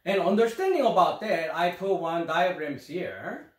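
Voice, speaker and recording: A middle-aged man with a Korean accent lectures on scripture in front of a screen. His voice sits high and moves animatedly up and down as he asks rhetorical questions. The small room adds a noticeable echo. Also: sing-song, unhurried. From South Korea. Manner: rhetorical questions, gestures while explaining. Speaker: Bible teacher. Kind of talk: Bible study lecture to camera.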